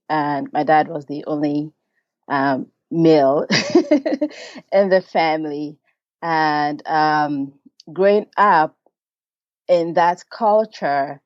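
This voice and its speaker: Woman from ghana, low voice, talks slow with lots of ums, dry sound. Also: dry recording, lo-fi sound. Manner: slow, thoughtful, frequent ums, laughs easily. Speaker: guest, textile artist. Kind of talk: casual interview talk.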